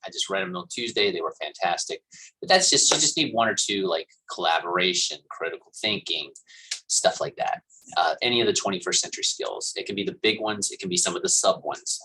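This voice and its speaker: A man lectures his class in a loose, rambling way, stopping often for fillers. His voice sits low and sounds bright and forceful, with a husky edge. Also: poor audio. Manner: casual, rambling explanation with fillers. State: coughing and hiccuping. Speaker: college instructor.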